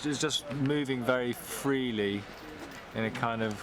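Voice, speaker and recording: A man of medium pitch talks informally as he assesses things on site. The location recording is very noisy. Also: measured pace. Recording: very noisy outdoor location sound.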